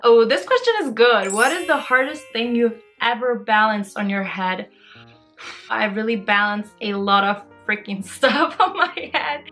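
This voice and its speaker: A woman's voice: on the high side, fairly bright tone. A woman in her twenties answering fan questions in a casual, bubbly and giggly vlog chat. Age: 20s. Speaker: social media creator.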